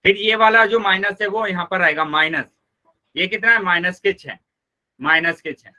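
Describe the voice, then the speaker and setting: A male math teacher leading a live online class, patiently explaining steps and repeating them, addressing students warmly as children. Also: sits high, moderate pace.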